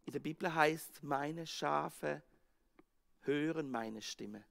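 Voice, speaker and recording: A male pastor with a Swiss German accent preaching a sermon, acting out the scene with sudden swings from loud outbursts to hushed words. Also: fairly high pitch, takes it slowly, vocal fry. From Switzerland. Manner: dramatic, acts out the disciples' panic and Jesus' words, swings from loud to hushed.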